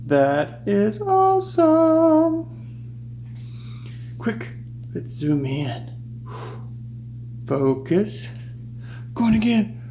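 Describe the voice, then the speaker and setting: Drawing out words and leaving long pauses, this mid-range voice belongs to a science teacher showing children a playful hands-on experiment and crowing happily as it succeeds. There's echo and a constant hum in the recording.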